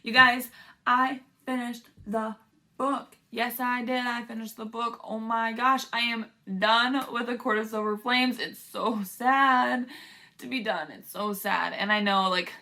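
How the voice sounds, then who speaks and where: A woman's voice: a little high, steady tone, measured pace, sharp tone. A young woman chatting casually as a book reviewer, gushing and emotional, with lots of "like" and "literally". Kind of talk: casual vlog chat.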